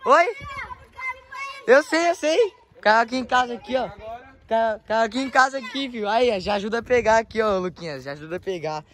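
A young man with a São Paulo Brazilian accent, chatting casually and excitably in slang to a handheld phone outdoors as he vlogs. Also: high-pitched, fast talker. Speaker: vlogger. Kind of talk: casual vlog chat. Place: outdoors in a residential yard. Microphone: handheld phone, held by the speaker.

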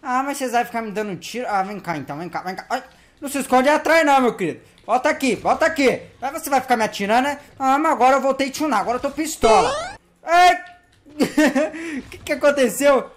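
During casual gameplay commentary, a male YouTuber jokes in slang, talks to the game's characters and grows excitable in the action. His very high-pitched voice moves quickly, with a little hiss or hum in the audio.

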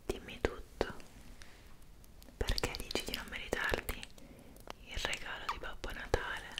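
A young woman voicing a kind, motherly Mrs Claus in an ASMR roleplay, whispering up close and coaxing with gentle questions. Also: measured pace, lightly acted. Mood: caring. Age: young adult. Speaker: ASMR creator. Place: indoor room decorated for Christmas.

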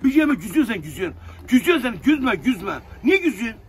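A man in casual banter who talks insistently, repeating himself over and over to calm a friend down. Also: very high voice, fast talker, slightly rough. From Mersin, Turkey. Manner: repetitive, insistent, soothing. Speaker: street personality.

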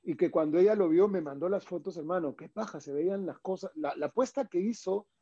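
Peruvian male guest, higher-pitched and dark-toned, acts out quotes in a casual chat. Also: a little fast, breathy edge, dull audio. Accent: Peruvian Spanish. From Peru. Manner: animated storyteller, acts out quoted dialogue.

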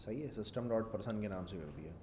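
A man's voice: lowish voice, fast talker, warm tone, slight background noise. Rambling man thinking aloud while coding. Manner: rambling, thinks aloud, mixes English terms into Urdu. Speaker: programming instructor. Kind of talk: casual screen-share coding lecture.

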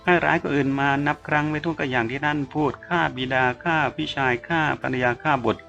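A man's voice: a little high, fairly even intonation, fast talker, vocal fry, bright, forceful tone. A man voicing a cunning wounded man, bitter and cornered, speaking in a venomous, pleading way. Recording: dull lo-fi with faint music.

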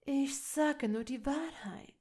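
A woman voicing a cold, haughty older male aristocrat in a fan fiction audiobook, loud and sneering. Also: sits high, slow, pitched above the performer's own voice.

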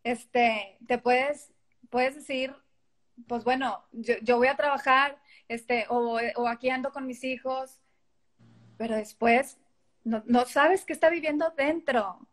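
A woman's voice: high-pitched, fairly even intonation, slow pace. A middle-aged woman with a Mexican accent, a guest in a casual interview, talking animatedly and acting out quoted dialogue. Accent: Mexican Spanish.

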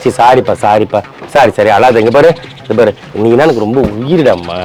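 A man doing a comic couple sketch, teasing and mock-accusing his partner with quick retorts. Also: mid-range voice, a little mellow, slight background noise.

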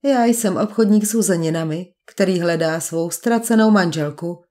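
A suave gentleman villain from an audiobook, put on by a woman narrator, purring polite threats and mocking his captive. The voice is pitched lower than her own and has a dark, mellow tone. It is smooth and gloating. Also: natural voice. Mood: smooth menace. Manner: silky polite menace, mocking. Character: suave scheming male villain posing as a duke. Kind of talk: audiobook character voice.

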